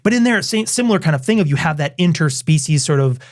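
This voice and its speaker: A male podcast co-host with a fairly high voice that swoops around a lot as he talks. He thinks aloud eagerly in loose conversation. His delivery is animated and quick to laugh. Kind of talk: casual improvised conversation.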